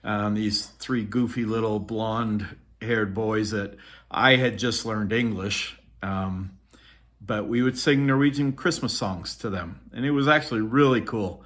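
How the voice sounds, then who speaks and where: With a fairly low, slightly bright voice, steady tone and measured pace, a middle-aged man from Norway shares childhood memories in a casual vlog. He holds a phone on a selfie stick, rambling with many ums and restarts.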